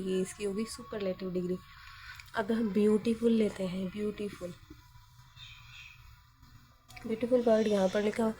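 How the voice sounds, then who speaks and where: A woman's voice: medium pitch, warm tone, a little hiss or hum. A woman teacher explaining grammar step by step in a patient manner, often asking questions and then answering them herself.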